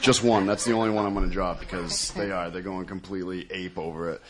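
A man's voice: sits low, steady tone, fast, crowd noise. A man co-hosting a casual radio talk show, with a slight lisp, stumbling over his words and laughing often.

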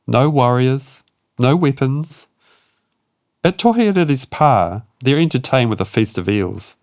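A man narrating a history documentary in a measured, dramatic way. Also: medium pitch, expressive, dry recording, studio quality. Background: soft music.

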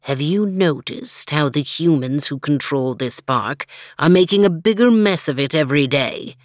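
A woman's voice: sits low, animated, moderate pace, no room sound, clean studio sound, voice pushed down. A woman voicing a bitter male wolf who growls his complaints. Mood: resentful. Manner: growling, resentful.

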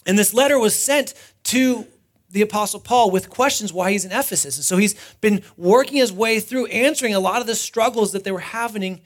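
A man's voice: high-pitched, brisk. A man preaching a sermon at a pulpit microphone, talking to the congregation in a conversational way and asking rhetorical questions. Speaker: pastor.

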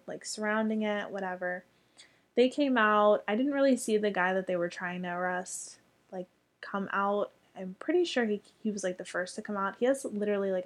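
A young woman telling a story in casual chat, chatty and full of fillers, with casual swearing. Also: medium pitch.

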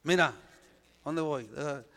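A man from Mexico preaching a sermon in short phrases for an interpreter, emphatic and often shouting. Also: fairly high pitch, slow. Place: church hall. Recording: echoey church hall.

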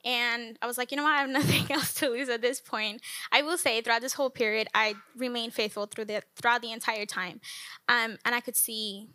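Bright-voiced young woman from Colombia. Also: on the high side, fairly even intonation, a little fast. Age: young adult. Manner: earnest, frequent ums. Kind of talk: personal testimony at church event.

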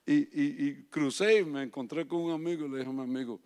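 Male preacher, fairly high voice, swings from soft storytelling to fervent preaching. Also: moderate pace, clear, resonant tone. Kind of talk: sermon with personal testimony.

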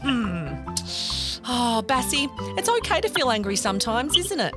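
A woman's voice: fairly high pitch, very animated, normal speed, over music. A woman hosting a children's podcast, talking to young kids in a gushing, encouraging, sing-song way. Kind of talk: talking to young children, guided feelings exercise.

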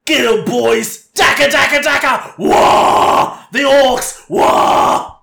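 A man voicing a battle-crazed male orc warboss with gruff war cries. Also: very high-pitched, very slow, fairly bright tone, voice pushed up, heavily acted.

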